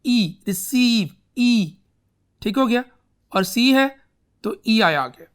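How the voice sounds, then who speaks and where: A man with an extremely high, expressive voice, fairly bright and clean, teaches an English spelling lesson. He explains slowly and deliberately with plenty of spelling examples, blending Urdu and English in classroom lecture style. He calls his students "beta" and keeps checking that they're following.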